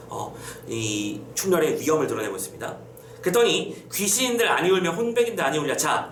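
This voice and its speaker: A man teaching a class in a casual, playful style, chatting informally and quizzing students with quick questions. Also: high voice, a bit bright, distant mic. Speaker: Korean literature teacher. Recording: roomy, off-mic, faint hum.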